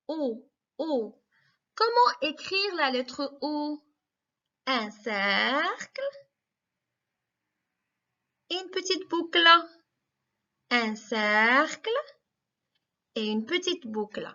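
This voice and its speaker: A woman teaching small children remotely, her voice high and bright. She speaks very slowly and clearly, breaking words into sounds and syllables and offering frequent praise. The recording is dull and lo-fi. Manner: encouraging, praises often. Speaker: kindergarten teacher.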